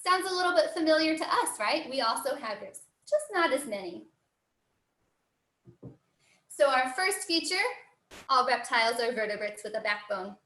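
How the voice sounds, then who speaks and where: Casting: American woman, cheerful zookeeper type teaching kids online, high-pitched voice, roomy echo. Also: lively intonation, normal speed, long pauses, pushed and bright. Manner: cheery, encouraging zookeeper manner. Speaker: zoo educator. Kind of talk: live online lesson for children. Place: indoor room, online video call. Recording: roomy, echoing sound.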